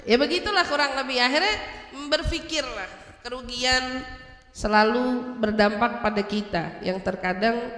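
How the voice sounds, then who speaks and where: A lively woman preacher, her high, bright voice bouncing around a big echoey hall. She laughs easily and slips into quick little impersonations as she teaches. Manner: animated, humorous, acts out quoted speech; laughs often while speaking. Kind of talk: religious study talk.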